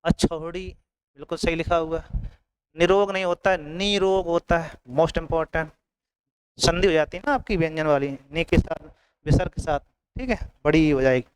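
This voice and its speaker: A man's voice: fairly high pitch, normal speed, clean tone, no room sound, poor audio. A man teaching an exam coaching lesson, repeating each word and often checking in with his students.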